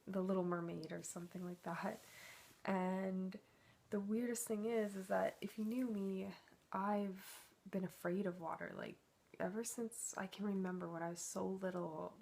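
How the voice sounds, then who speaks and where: A woman's voice: medium pitch, creaky, a little mellow. A young woman casually telling a personal story in an earnest, rambling way, with lots of "like". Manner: earnest, rambling, heavy use of "like". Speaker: spiritual healer vlogger.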